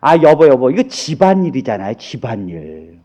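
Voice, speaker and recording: A male pastor voicing a soft-spoken wife who gently talks her husband round in a sermon anecdote. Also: mid-range voice, big pitch swings, normal speed, pitched below the performer's own voice. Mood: coaxing. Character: soft-spoken coaxing wife, middle-aged woman.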